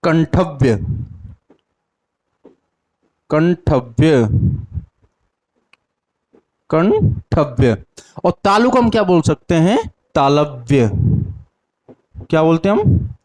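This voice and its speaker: High-voiced, slow-paced male teacher. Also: very animated, darkish tone. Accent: Hindi-speaking north Indian. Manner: sounds out syllables slowly one by one. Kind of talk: classroom lesson with call-and-response drills.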